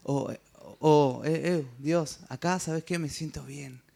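A man's voice: a little high, fairly even intonation, slow pace, vocal fry, mellow. A man with a Rioplatense Spanish accent preaching a sermon, checking in with the listeners through constant tag questions.

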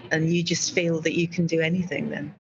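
Gravelly Yorkshire woman, chatty guest. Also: deep voice, level tone, a little fast. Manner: chatty, upbeat storyteller. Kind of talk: casual interview chat. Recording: dull lo-fi remote audio.

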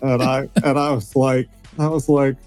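A man's voice: mid-range voice, little pitch movement, moderate pace, a little mellow, soft background music. A man guest on a live stream, rambling, restarting his sentences and swearing casually. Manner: rambling, profane, restarts a lot. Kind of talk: casual group chat.

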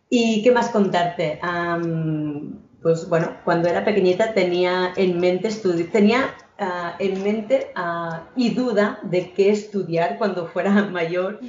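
A woman's voice: on the low side, a little hiss or hum. Reflective woman in her thirties, roomy lo-fi sound. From Catalonia, Spain. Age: 30s. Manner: warm, reflective, many fillers and restarts. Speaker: guest, entrepreneur. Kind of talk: conversational interview.

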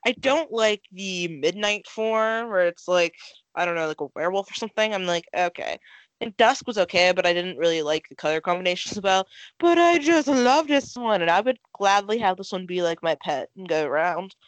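A woman's voice: lowish voice, animated, normal speed, dry recording, rough recording. A woman hosting a casual podcast chat, gushing with enthusiasm and laughing often. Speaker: podcast host.

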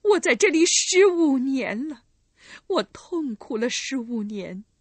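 Casting: woman doing an anguished recluse mother, high and swooping, storybook. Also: very animated, takes it slowly, no echo, heavily acted. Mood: bitter vengeful. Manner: anguished, pleading, cries out. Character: grieving vengeful middle-aged recluse mother.

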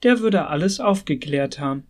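A man's voice: fairly high pitch, lively intonation, normal speed. A man voicing a cool, polite young wife. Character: young married woman, polite, cool and detached.

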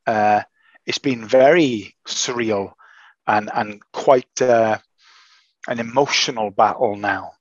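A man recovering from an illness, talking in casual chat as a podcast host, halting and restarting often. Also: on the low side, no echo, lo-fi sound. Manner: hesitant, halting with many restarts.

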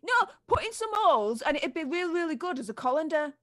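A woman's voice: extremely high pitch, very animated, fast. A woman with a Yorkshire accent, co-hosting a casual chat and talking in a blunt, brash, profane way. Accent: Yorkshire English. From Yorkshire, England. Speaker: podcast co-host.

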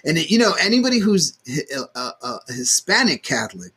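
Husky man telling lively stories. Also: fairly high pitch, a little fast. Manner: animated storyteller, swears freely, acts out quotes. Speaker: podcast co-host. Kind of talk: casual chat.

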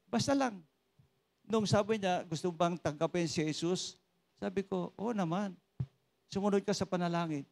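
A man preaching a sermon and telling his own testimony, joking with the congregation and switching between Tagalog and English. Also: high voice. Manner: animated, joking with the congregation, asks for raised hands.

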